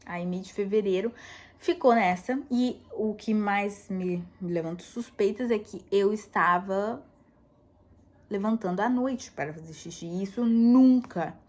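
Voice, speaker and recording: An American woman vlogger chats casually, rambling and laughing often. Her mid-range voice is unhurried and a little mellow.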